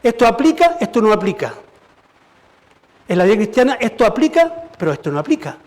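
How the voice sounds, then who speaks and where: A man's voice: very high voice, very animated, fairly quick, a little mellow. A man preaching as pastor, conversational and asking rhetorical questions. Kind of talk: sermon. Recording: church service.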